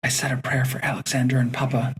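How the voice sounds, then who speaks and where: A man's voice: mid-range voice, level tone, quick pace, lightly acted. A man reading as a blunt, defiant teenage girl. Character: bold, outspoken fifteen-year-old girl.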